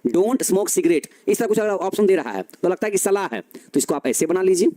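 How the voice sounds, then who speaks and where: A male teacher giving a grammar lesson, explaining slowly, repeating key phrases and answering his own questions. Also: high voice, animated, mellow.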